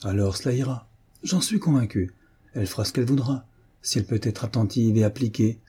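Man reading as courteous old marquis, calm gracious tone, husky, storybook. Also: medium pitch, fairly quick.

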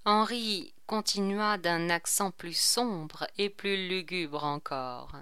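A woman narrating an audiobook in a measured, expressive way. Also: lowish voice, clean tone, dry recording, clean studio sound.

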